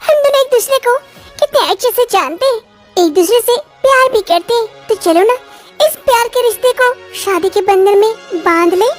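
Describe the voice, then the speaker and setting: A woman's voice: extremely high pitch, normal speed, pitched above the performer's own voice. A woman voicing a young city bride who whines and complains about the heat. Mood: sweet. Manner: whiny, complaining. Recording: faint music underneath.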